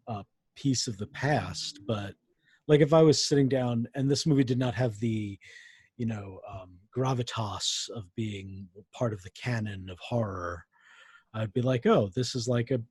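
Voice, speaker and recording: A man's voice: fairly low pitch, a little slow, a little mellow, slightly rough, no echo. A young adult man co-hosting a podcast in casual chat, making dry, wry remarks. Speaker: podcast co-host.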